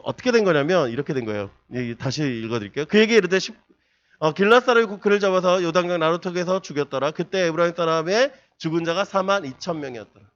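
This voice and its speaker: A young man preaches to a youth service, firing questions at the room and answering them himself. His voice sits high and swings widely, often building to loud, emphatic pleading. The recording sounds dull and lo-fi. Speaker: youth pastor. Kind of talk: sermon.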